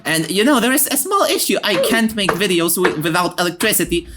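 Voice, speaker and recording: A man's voice: high voice, expressive, fairly quick, noisy background. A man from Ukraine, narrating a history video in a casual, sarcastic, profane way and laughing at his own jokes.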